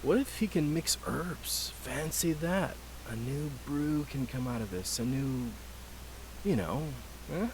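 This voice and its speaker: An actor playing a drowsy young male artist who mumbles slowly and dreamily. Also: a little high, expressive, rough recording. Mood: dreamy. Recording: faint hiss, game audio.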